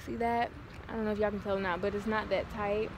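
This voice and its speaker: A woman's voice: mid-range voice, fairly even intonation, quick pace. A woman vlogger chatting casually and talking straight to her viewers on a phone camera. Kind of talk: casual vlog chat. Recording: noisy background hiss.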